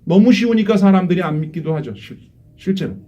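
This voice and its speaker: A middle-aged man with a high voice preaches a sermon from a church pulpit. He speaks earnestly, acting out prayers and quoted voices and moving between quiet, hushed asides and emphatic calls to his congregation. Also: very animated, fairly quick, lo-fi sound. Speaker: pastor. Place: church sanctuary.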